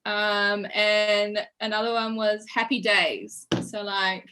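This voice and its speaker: A woman's voice: mid-range voice, steady tone, slow pace, pushed and bright, smooth, low-quality recording. A young woman with a New Zealand accent, chatting casually as a podcast guest, laughing often and leaning on "like". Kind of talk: casual interview chat.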